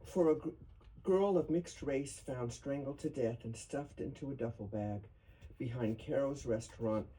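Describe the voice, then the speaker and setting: A man giving a solemn poetry reading at a memorial, with deliberate, emphatic phrasing. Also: mid-range voice, dark tone. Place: bookstore reading event before a small audience. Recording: noisy live room recording.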